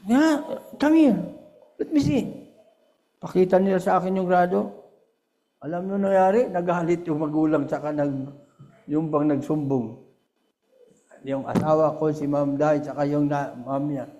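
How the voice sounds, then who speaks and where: A man's voice: fairly high pitch, level tone, moderate pace, long pauses, dark tone. An older man with a Filipino accent, a missionary preacher giving a short earnest devotion, switching often between Tagalog and English.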